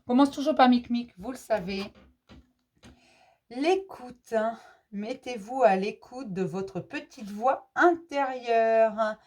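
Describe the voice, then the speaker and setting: A woman hosts a daily spiritual card message in a gentle, reassuring tone. She addresses her viewers fondly and repeats her points on purpose. Her voice sits a little higher than average. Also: slow. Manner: warmly addresses viewers as dear ones. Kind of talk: casual spiritual advice to viewers.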